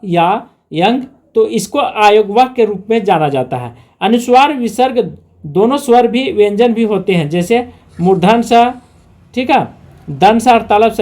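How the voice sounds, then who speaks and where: A woman's voice: mid-range voice, darkish tone. A woman with a Jharkhand Hindi accent teaching an exam-prep grammar lesson, explaining step by step and asking and answering her own questions.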